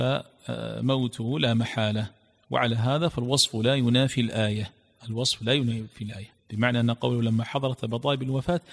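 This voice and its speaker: A man teaching religion, who reads passages from a text aloud and then explains them in a measured way, repeating the key phrases. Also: medium pitch, creaky, long reverb tail.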